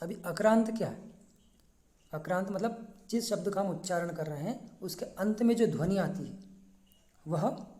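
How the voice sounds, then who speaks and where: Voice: medium pitch, warm tone, echoey room. A teacher giving a classroom lesson, patiently breaking words into single letters and sounds. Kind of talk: classroom lesson, spelling out syllables.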